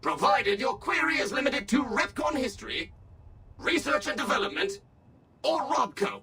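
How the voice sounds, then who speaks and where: Brief: slick android guide for a game, high, gravelly edge, servile and scripted. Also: male voice, very animated, normal speed, bright, forceful tone, faint music behind, exaggerated voice. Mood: chipper. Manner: courteous, eager-to-serve, scripted. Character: smooth, overly polite male robot tour guide. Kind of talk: video game voice acting.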